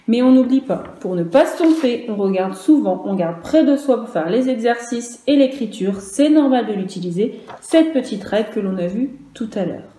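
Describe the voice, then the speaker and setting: A woman's voice: on the high side, expressive, moderate pace, few pauses, mellow. Echoey patient teacher woman, spelling sounds. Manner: clear, patient, stresses each sound and letter; speaks to children and parents in turn. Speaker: first-grade teacher. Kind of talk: recorded virtual class lesson.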